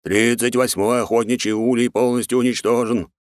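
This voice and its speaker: A man's voice: medium pitch, fairly even intonation, normal speed, no room sound, voice pushed up, lightly acted. A man voicing a dutiful insect herald. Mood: reporting. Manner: urgent, deferential reporting. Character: large male insect herald and advisor, dutiful.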